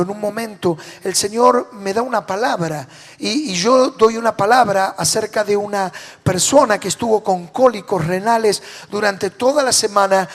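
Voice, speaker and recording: A man with a Rioplatense Spanish accent preaching a sermon as pastor, asking the congregation rhetorical questions and dropping to quiet endings after loud lines. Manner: swings between loud declarations and low, quiet endings. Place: large church hall. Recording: reverberant church hall.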